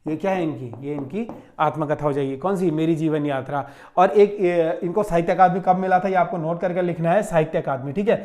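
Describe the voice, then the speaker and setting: A man with a high, light voice explains a mock exam the way a coaching teacher does. He goes over each answer more than once and draws key words out slowly. He keeps checking in with the class as he moves on. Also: darkish tone. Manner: repetitive, checks with frequent "theek hai", stretches key terms slowly. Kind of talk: Hindi grammar lesson solving a mock test.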